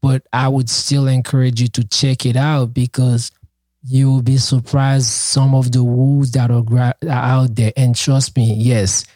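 A podcast co-host and project founder, a native Haitian Creole speaker, chats casually with earnest passion, stumbling through fillers and restarts. His mid-range voice is mellow, relaxed, and a little slow. The sound is dry and close with no echo, though the audio quality is poor.

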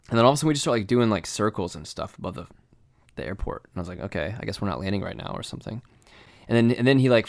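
Casual young man telling a story. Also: on the low side. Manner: animated, lots of filler and swearing.

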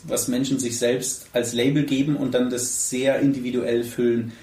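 The speaker is a man hosting a podcast, his voice medium in pitch and captured from some distance in an echoey room. He talks in a relaxed but emphatic, animated manner, with blunt colloquial asides.

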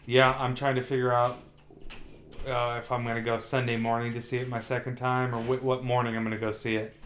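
A man's voice: medium pitch, a little fast, a little hiss or hum. A man co-hosting a casual film review podcast, talking animatedly and swearing now and then. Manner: animated, swears, acts out quotes. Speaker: podcast co-host.

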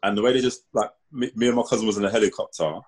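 Casting: male, London roadman accent, low slightly rough voice, slangy storyteller among mates. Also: racing. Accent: London roadman, multicultural urban slang. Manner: slangy, animated storytelling with 'bro' and 'man'. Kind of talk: casual group chat.

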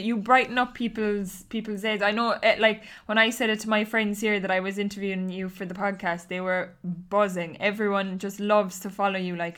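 A woman's voice: mid-range voice, a bit bright. A woman with a west of Ireland accent from Kerry, chatting casually as the host of an interview podcast.

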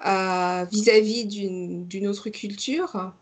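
A woman language teacher in conversation, thoughtful and gently helpful, answering at a measured mid-range pitch. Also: steady tone. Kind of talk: conversational interview.

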